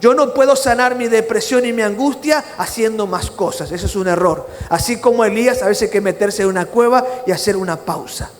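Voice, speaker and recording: High-voiced preacher in a reverberant church. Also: male voice, fairly quick, few pauses, slight background noise. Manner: rises to impassioned, near-shouted emphasis, then drops low and quiet in prayer. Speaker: pastor. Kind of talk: sermon. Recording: reverberant church hall with faint ambience.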